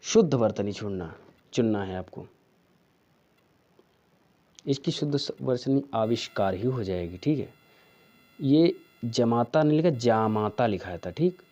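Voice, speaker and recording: Male tutor, slow and mellow, drilling correct spellings; lo-fi recording. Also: medium pitch, animated. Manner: slow, repeats each answer with a checking "theek hai". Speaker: Hindi teacher. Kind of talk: exam-prep spelling lesson.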